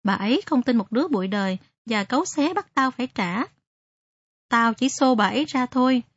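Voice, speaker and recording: A woman's voice: on the high side, expressive, normal speed, breathy edge, no echo. A woman voicing a loyal, tearful homeless teenage boy who shines shoes, reading his letter earnestly. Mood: pleading. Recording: dry, slightly muffled recording.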